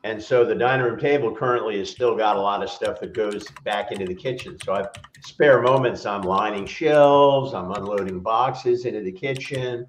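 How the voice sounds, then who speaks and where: Laid-back guy rambling on a video call, lowish voice, echoey room, kinda muffled. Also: moderate pace, few pauses, slight background noise. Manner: rambling, easygoing, self-deprecating. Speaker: regular panelist on a livestream. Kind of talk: casual chat. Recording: roomy, dull lo-fi call audio.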